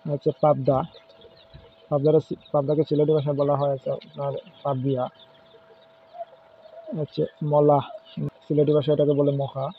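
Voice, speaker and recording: A man's voice: a little high, monotone, moderate pace, long pauses. A man casually showing his home fish tank, pointing out and naming each fish as he goes. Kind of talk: casual home video walkthrough. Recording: phone-like lo-fi sound with faint noise.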